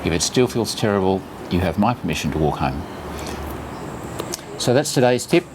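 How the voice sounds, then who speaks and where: A man's voice: low voice, big pitch swings, moderate pace, background noise. A man in his sixties talking casually to camera as a running vlogger, chatty, instructive and reassuring as he shares tips. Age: 60s.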